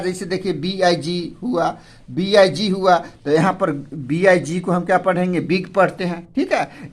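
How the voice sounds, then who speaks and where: A middle-aged man teaching English pronunciation, repeating words and asking and answering his own questions. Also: sits high. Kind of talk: classroom pronunciation lesson.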